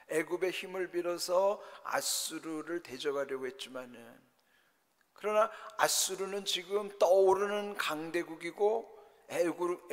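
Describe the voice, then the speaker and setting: A man's voice: fairly high pitch, a bit bright. A man preaching a sermon as pastor, emphatic, often prompting the congregation with short questions. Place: church sanctuary. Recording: church hall reverb.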